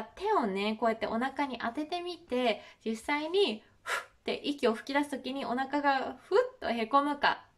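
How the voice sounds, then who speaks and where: A Japanese woman in her thirties giving a video lesson on English pronunciation, explaining politely and encouragingly as she demonstrates sounds. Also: a little high. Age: 30s.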